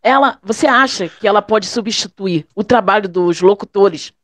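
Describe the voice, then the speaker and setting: A woman's voice: medium pitch, moderate pace, a bit bright, no echo. Brazilian woman hosting a chat. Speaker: host. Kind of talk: casual interview questions.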